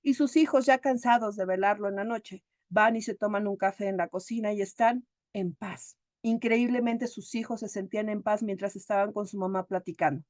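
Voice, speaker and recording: A woman's voice: medium pitch, normal speed, hardly any pauses, no room sound. A woman who works as a therapist, giving a chatty talk full of stories. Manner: chatty, animated storyteller. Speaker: emotional therapist and speaker. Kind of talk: storytelling talk.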